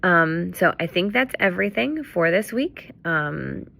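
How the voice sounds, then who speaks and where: A woman's voice: fairly low pitch, lively intonation, unhurried, gravelly, sharp tone. A woman leading a children's ministry, casually walking volunteers through the week's activities with many fillers and self-corrections.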